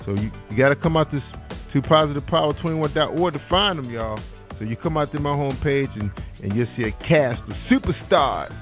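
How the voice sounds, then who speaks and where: A man hosting a casual online radio talk show, animated, with lots of shout-outs and "that's right". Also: a little high, fairly quick. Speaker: podcast host. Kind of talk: casual internet radio chat. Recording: dull lo-fi sound with faint music.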